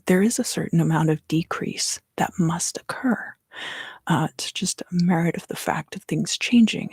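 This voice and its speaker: A woman hosting an ASMR tarot reading drifts between soft speech and whispers, keeping everything hushed. Her lowish voice is breathy with a gravelly fry, and she speaks in measured phrases with deliberate pauses. The recording is dry.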